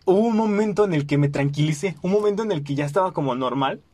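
Young Mexican man, higher voice. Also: normal speed. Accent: Mexican Spanish. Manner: animated, acts out quoted voices, frequent fillers. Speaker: podcast host. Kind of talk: casual storytelling.

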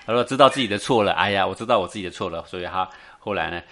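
A man giving a Buddhist dharma talk, telling a Zen tale in an animated way, chuckling and often checking that his listeners follow. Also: low voice, racing, slight background noise. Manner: animated, keeps asking the audience for agreement, chuckles often. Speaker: Buddhist teacher.

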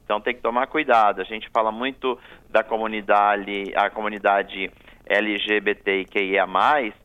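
A man's voice: lowish voice, little pitch movement, normal speed, smooth. Man explaining travel rules over a phone line. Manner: explanatory, firm, repeats rules. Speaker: travel expert guest. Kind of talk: radio interview. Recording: tinny phone line on radio.

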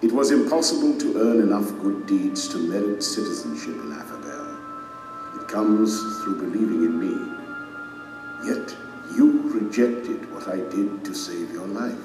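A man's voice: low-pitched, animated. Solemn, majestic king in a vast hall. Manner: solemn, declamatory, deliberate. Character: majestic stern king and divine judge pronouncing sentence. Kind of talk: audio drama acting. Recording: echoey reverberant hall, distant, music underneath. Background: dramatic music.

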